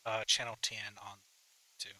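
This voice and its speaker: A man's voice: on the low side, little pitch movement, moderate pace, pushed and bright, rough recording. A man coordinating radios in casual tactical voice chat for a military simulation game.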